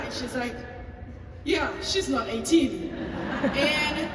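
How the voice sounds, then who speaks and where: A woman pastor with a Tanzanian accent and a fairly high voice tells a personal story at a table talk. She acts out the dialogue and pauses on fillers. She is heard from a distance in a long, echoing hall with faint ambient noise.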